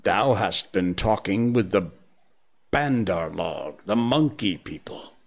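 A man's voice: low voice, expressive, slow pace, creaky, heavily acted. A man voicing a stern old bear who lectures a boy solemnly, in a storybook reading. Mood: reproachful.

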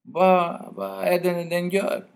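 A man's voice: high voice, monotone, gravelly, smooth, voice pushed up. A man voicing two jealous, sulky young birch-tree brothers who talk in a sour, scheming way. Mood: angry.

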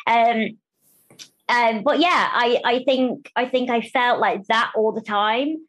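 A woman speaking candidly as a podcast interview guest, animated and quick to restart phrases and act out what others say. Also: on the high side, poor audio. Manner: animated, restarts phrases, acts out quoted voices.

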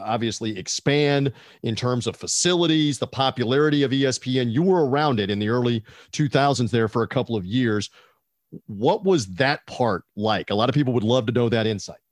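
A man's voice: medium pitch, normal speed, no room sound, studio quality. A man hosting a sports media podcast, asking playful, chatty questions. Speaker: podcast host. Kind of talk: podcast interview.

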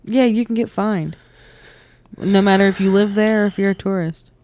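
A woman's voice: medium pitch, fairly even intonation, moderate pace, a little mellow, no echo. A woman from the American South with a Southern accent, chatting casually as a podcast co-host, joking and laughing often. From southern United States. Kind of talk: casual chat.

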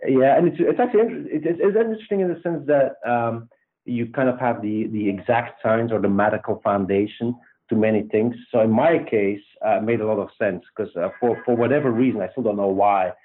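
A man's voice: medium pitch, a little fast, husky. Belgian man on a tinny line. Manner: thoughtful, many fillers and restarts. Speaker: guest, company founder. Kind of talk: casual interview talk.

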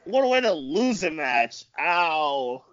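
A man giving improvised amateur wrestling commentary, speaking haltingly and often repeating himself. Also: high voice, very animated, fairly bright tone, no room sound, muffled recording.

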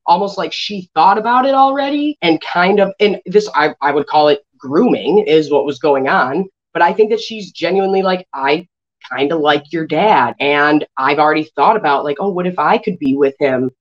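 A woman's voice: fairly low pitch, dull audio. A woman co-hosting a casual TV show discussion, animatedly acting out characters' lines as she talks. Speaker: show reviewer and co-host.

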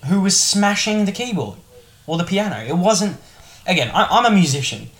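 A man's voice: high-pitched, expressive, moderate pace. A man, co-hosting a casual film review podcast, blunt and opinionated, with some swearing. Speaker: podcast co-host. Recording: echoey room.

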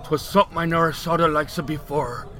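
Guy putting on a jittery old irish fella, high and fretful, music behind. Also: steady tone, fairly quick, pushed and bright. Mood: fearful. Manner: breathless, fretful, theatrical. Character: superstitious old Irish man, Mickey, dramatic.

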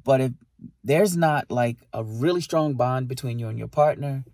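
A man's voice: mid-range voice, moderate pace, no echo, studio quality. Emphatic man lecturing on relationships. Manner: emphatic, animated lecturing with rhetorical questions. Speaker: podcast co-host. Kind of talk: casual relationship talk.

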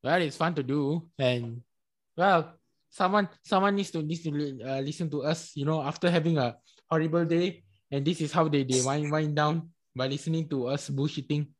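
A young man chats loosely on a podcast, tossing in jokes and Malay particles. His voice is slightly high for a man, and his manner stays relaxed. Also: moderate pace, dry recording. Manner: joking, easygoing, uses Malay particles. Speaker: podcast co-host. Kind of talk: casual chat.

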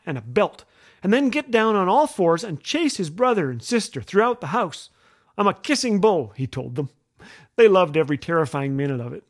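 A man from Canada hosting a radio show, telling humorous stories in a gentle, wry way. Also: on the high side. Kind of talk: humorous scripted storytelling. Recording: faint music underneath.

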